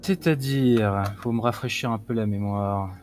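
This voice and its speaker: A man's voice: fairly low pitch, measured pace, a little mellow, a little hiss or hum, lightly acted. A man playing a sarcastic, weary arrested interrogator who stays nonchalant under questioning in a tabletop game. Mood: sardonic. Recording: music behind the voice.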